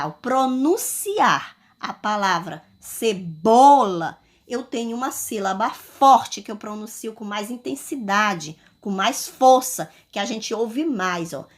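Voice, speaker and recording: A woman's voice: mid-range voice, a bit bright. A woman teacher with a Brazilian Portuguese accent, giving a recorded lesson to children at home and stretching out the stressed words in a sing-song way. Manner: sing-song, drawn-out stressed words, calls pupils "my loves".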